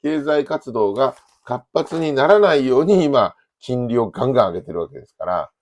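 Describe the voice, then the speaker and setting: A man's voice: mid-range voice, lively intonation, fairly quick, a little mellow. An older man with a Kansai accent, giving casual, joking commentary on economic news as a channel host. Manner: chatty, joking, Kansai-flavored asides.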